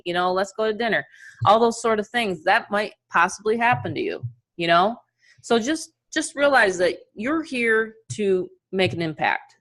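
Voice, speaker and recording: Energetic New York woman, lower voice. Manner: energetic, chatty, motivational. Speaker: online marketing coach. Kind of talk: casual webinar presentation.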